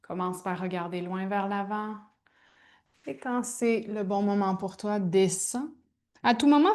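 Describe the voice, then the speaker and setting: A woman teaches a gentle yoga class, giving soft, informal cues with pauses as she demonstrates. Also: fairly high pitch. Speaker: yoga instructor.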